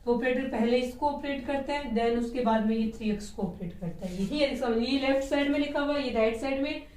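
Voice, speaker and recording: A woman's voice: sits high, brisk, a little mellow, slight background noise. A woman chemistry teacher giving a classroom lecture, explaining step by step and asking rhetorical questions. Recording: echoey room, voice from a distance.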